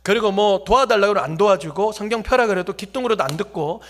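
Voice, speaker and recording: A man preaching. He spins a humorous story and talks straight to the congregation. His voice runs notably high. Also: fast talker, a bit bright. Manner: jokey, talks directly to the congregation. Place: church sanctuary.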